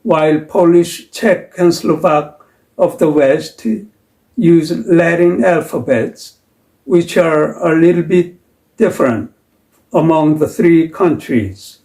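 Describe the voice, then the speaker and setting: Very slow, deliberate male lesson narrator. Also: fairly high pitch, warm tone, roomy sound, low-quality recording. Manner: slow, deliberate, pausing between phrases.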